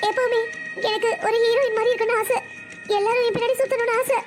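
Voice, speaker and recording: A woman's voice: very high-pitched, level tone, fast, over loud music. A woman voicing a heartbroken seventeen-year-old girl in a family cartoon, complaining through tears. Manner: tearful, complaining. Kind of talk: cartoon voice acting.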